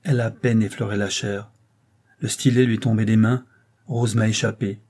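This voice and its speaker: A man's voice: on the low side, flat delivery, normal speed, a little mellow. A man reading the part of a distraught young engineer, speaking in a pained, shaken way.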